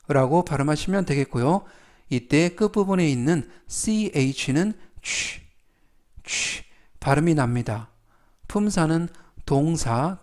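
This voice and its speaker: A man teaching English vocabulary in a formal, polite manner, saying each word slowly and repeating it. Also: a little high, a little mellow. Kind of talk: slow, scripted vocabulary lesson.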